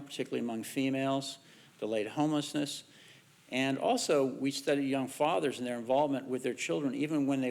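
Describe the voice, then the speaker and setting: A middle-aged American man, a researcher giving a conference talk, measured in tone with dry asides. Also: medium pitch, vocal fry, a little mellow. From United States. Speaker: researcher presenting findings.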